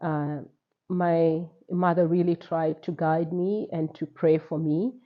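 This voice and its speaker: A Kenyan woman in her forties sharing a personal faith testimony, reflective and measured, with frequent pauses and repeated words. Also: low voice, steady tone, lo-fi sound. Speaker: testimony speaker.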